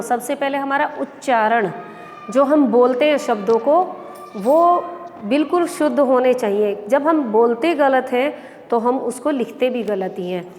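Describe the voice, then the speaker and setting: A woman teacher with a fairly high voice talks young pupils through a lesson. She takes it slowly, repeating each example. Her voice rings with a long reverb from the room. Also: a little mellow, slight background noise. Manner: slow, patient explaining with repeated examples. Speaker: school teacher. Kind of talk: recorded online class lesson.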